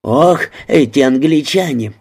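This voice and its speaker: A man voicing a startled Frenchwoman on a plane, exclaiming in a shrill, raised voice. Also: lively intonation, unhurried, gravelly, darkish tone, husky, full character voice. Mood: alarmed.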